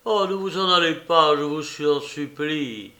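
A man's voice: on the high side, unhurried, bright, forceful tone. A man reading aloud and voicing a feverish young man in love who eagerly pleads with her. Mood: pleading. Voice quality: eager, breathless. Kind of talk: audiobook character voice.

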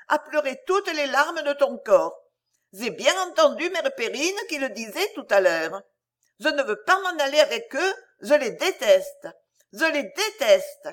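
A woman's voice: high-pitched, very animated, moderate pace, a bit bright, pitched above the performer's own voice. A woman reader voicing a small, clingy and stubborn little girl who pleads with childish insistence in an audiobook. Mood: pleading.

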